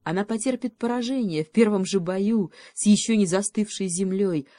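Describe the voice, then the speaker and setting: A woman narrating a children's fairy tale in a gentle, lyrical reading voice. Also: medium pitch, fairly quick, no echo, clean studio sound. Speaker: storyteller. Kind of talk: scripted storybook narration.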